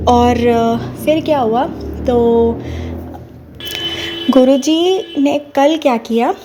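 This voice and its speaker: A woman's voice: sits high, very slow, background noise. A young woman telling a personal devotional story in an earnest, casual storytelling way. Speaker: devotee sharing a personal experience. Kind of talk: casual spoken testimony.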